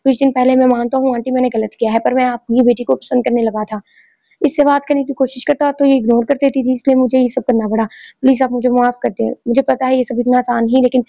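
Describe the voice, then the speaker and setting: An earnest young man, pleading and apologetic, read by a woman in a storybook narration. The voice sits fairly high and mellow. The take is dry and dull, with a lo-fi sound. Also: level tone, fast talker, creaky, no echo. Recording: dull lo-fi recording.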